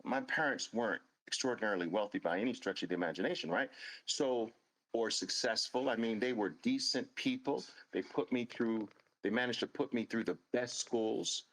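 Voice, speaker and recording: A man's voice: medium pitch, normal speed, fairly bright tone, rough recording. A man in his late fifties, hosting a show and telling a personal story in an earnest, emphatic way, repeating phrases for stress. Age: 50s. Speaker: host.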